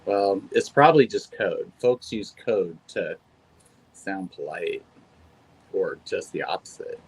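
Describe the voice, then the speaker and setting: A woman's voice: extremely low pitch, animated, slow pace, a little mellow, slightly rough, full character voice, poor audio. A woman playing an anxious, apologetic young volunteer. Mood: earnest. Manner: hesitant and apologetic, with frequent "I'm sorry". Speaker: volunteer on a visual-help app call. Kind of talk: stage play performed over video call.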